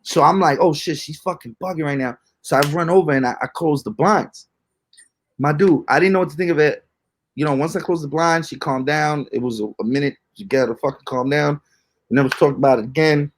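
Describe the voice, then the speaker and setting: A man's voice: fairly high pitch, a little fast. A young man co-hosting a podcast, telling ghost stories in casual, slangy, rambling chat with lots of fillers. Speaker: podcast co-host.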